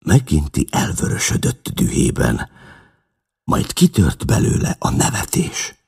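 Husky, deep-voiced male reader for expressive storybook narration. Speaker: audiobook reader. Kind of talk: scripted narration.

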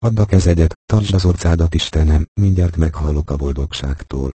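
A man performs an exuberant soldier bursting through the door of his family home in a storybook reading, raising his voice with every exclamation. The tone is very deep and dark, with a husky edge, and the recording is close and dry. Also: steady tone, dry recording. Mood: overjoyed. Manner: loud, emotional, exclaiming. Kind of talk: audiobook character voice.

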